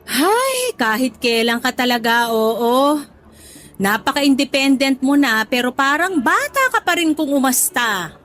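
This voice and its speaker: A woman playing a doting, gently scolding middle-aged mother in a radio drama, emphatic and motherly. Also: high-pitched, big pitch swings, unhurried, full character voice. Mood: fondly exasperated. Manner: motherly, emphatic, fond exasperation. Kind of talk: Tagalog radio drama acting.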